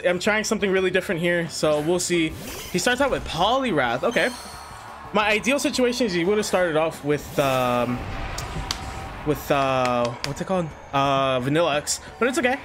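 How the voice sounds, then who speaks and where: A young man with a fairly high voice hosts his gaming channel in loose, rambling commentary, peppered with fillers. He sounds slightly out of breath. Faint music runs softly underneath. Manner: chatty and scattered, many fillers. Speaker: YouTube gaming channel host. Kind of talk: casual gameplay commentary.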